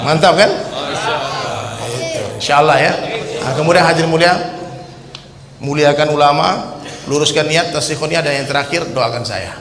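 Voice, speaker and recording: A man preaching a fiery sermon to a large gathering, swinging between calm talk and shouting, and often turning to his listeners as "sir". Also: fairly high pitch. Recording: echoey hall with faint background noise.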